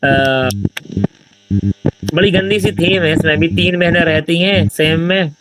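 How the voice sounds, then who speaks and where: A man leads an informal exam-prep literature class, walking through answers and checking in with listeners. His voice sits a little high. He is picked up from a distance, with heavy noise behind him. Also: fairly even intonation, a little slow. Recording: distant mic with loud background noise.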